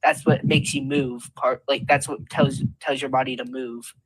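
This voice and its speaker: Earnest young-sounding caller, hedging. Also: male voice, mid-range voice, little pitch movement, normal speed, husky, rough recording. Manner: earnest, hedging with filler words. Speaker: debate caller. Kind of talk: casual online debate.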